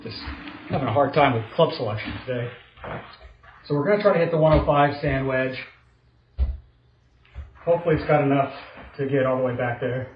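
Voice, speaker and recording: A middle-aged man talks through his own golf shots like a casual commentator, low-key and hard on himself. His medium-pitched voice sits in a roomy indoor echo, a little dull, with faint noise behind it. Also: brisk, pauses often. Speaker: golfer narrating his own simulator round. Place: indoor home golf simulator room.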